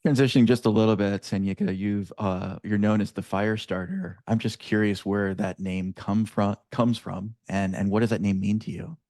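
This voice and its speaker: A man's voice: on the low side, steady tone, moderate pace, hardly any pauses, dark tone, no room sound, clean studio sound. A man hosting an interview podcast who asks questions and affirms with brief responses. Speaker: podcast host. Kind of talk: interview conversation.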